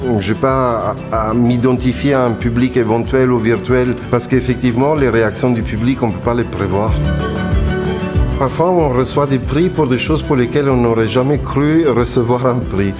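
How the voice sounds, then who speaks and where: Middle-aged guy, choreographer, grew up in germany, thoughtful and easygoing, loud guitar music under him. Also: mid-range voice, moderate pace. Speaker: dancer and choreographer. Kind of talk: award portrait interview.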